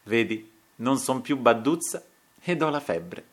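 Feverish young male painter, bitter and agitated, restless and jumpy in pitch, as read by a man. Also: unhurried. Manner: strange bitter laughter, excited.

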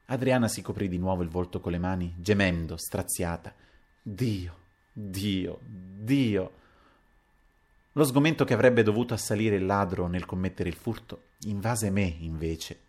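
A man with a low voice reads a literary novel aloud as a first-person audiobook narration. He moves expressively between hushed narration and raised, acted dialogue. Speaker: audiobook reader.

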